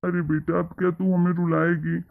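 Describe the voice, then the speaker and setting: A man voicing a gentle, affectionate elderly father in a cartoon story, talking in a soothing, coaxing way. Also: high voice, little pitch movement, moderate pace, vocal fry. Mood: consoling. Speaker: father and grandfather. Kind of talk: Hindi cartoon moral-story voice acting. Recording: tinny phone-like sound.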